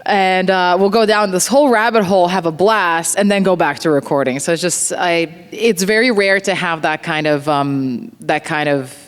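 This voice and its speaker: Woman with a lowish voice, big hall. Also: normal speed, hardly any pauses, clear, resonant tone. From Slovenia. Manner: chatty, animated, laughs often. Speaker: voice actor on a convention panel. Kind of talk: casual panel Q&A. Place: large convention hall. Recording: long hall reverb from a panel PA.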